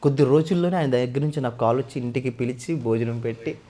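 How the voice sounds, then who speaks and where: Fast-talking male mimicry artist. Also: mid-range voice. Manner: rapid, eager, animated storytelling. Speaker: mimicry artist, interview guest. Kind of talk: casual interview talk.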